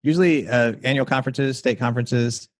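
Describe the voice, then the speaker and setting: Man, mindset coach, confident explainer, mid-pitched, dry close sound. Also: fairly quick, no echo. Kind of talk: interview guest explaining his method.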